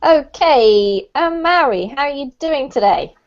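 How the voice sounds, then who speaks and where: A woman with a high, expressive voice teaches an online English class at a measured pace. She's chatty and friendly, laughs often, and fills her speech with ums. The video call audio is dull and lo-fi.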